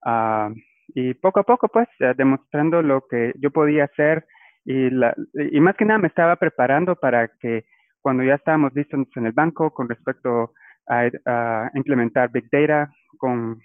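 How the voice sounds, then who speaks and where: A man's voice: mid-range voice, moderate pace, dry recording. A man from Guatemala, a guest explaining his career in a casual interview. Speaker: guest, data scientist. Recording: tinny phone-like line, dry.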